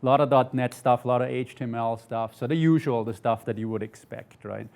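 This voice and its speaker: A middle-aged Austrian software developer presents informally at a conference from an indoor studio stage with a desk and laptop. He talks about technical matters conversationally and a little fast, often ending statements with "right?", in a medium-pitched voice that is gravelly and a little mellow.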